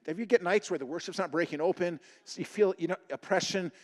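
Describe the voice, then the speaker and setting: A middle-aged man preaching with high-pitched, rapid energy. He tells his stories in an animated way and acts out the dialogue. His voice rings out in a long hall reverb. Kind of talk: humorous sermon with stories.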